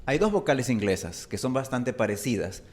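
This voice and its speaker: A man's voice: medium pitch, big pitch swings, fairly quick. A man teaching Spanish pronunciation, a native speaker who enunciates carefully and draws out his example vowels. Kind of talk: pronunciation lesson.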